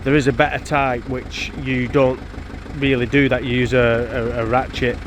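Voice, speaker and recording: A man's voice: mid-range voice, little pitch movement, moderate pace. A man chatting casually to camera for a vlog, outdoors on a canal boat. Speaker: narrowboat vlogger. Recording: idling engine noise, outdoors.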